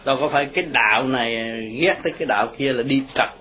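A man's voice: medium pitch, rapid-fire, noisy background. An older Buddhist teacher giving a rambling, folksy talk to his followers, chuckling as he tells stories. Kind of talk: informal dharma talk with followers. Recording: dull lo-fi recording with crowd behind. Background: group of listeners.

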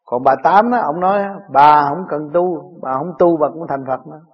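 Chuckling Southern Vietnamese teacher, lo-fi. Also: male voice, on the high side, moderate pace, slightly rough. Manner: chuckling, plain-spoken storytelling. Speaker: spiritual teacher. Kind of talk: answering disciples' questions.

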